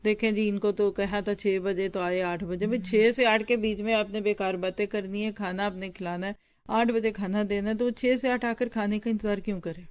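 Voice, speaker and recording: With a mid-range voice and fairly even intonation, a woman teaching Islam reads from a book and explains it to her class. She breaks off now and then to pose and answer quick questions on word meanings, addressing listeners in a conversational way.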